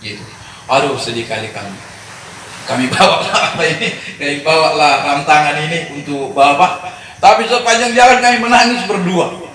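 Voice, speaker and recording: A man, telling a personal story in a sermon as an animated storyteller who talks straight to the congregation and chuckles often. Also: on the high side, moderate pace, slight background noise. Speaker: preacher leading a discipleship session. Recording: very echoey hall, voice from a distance.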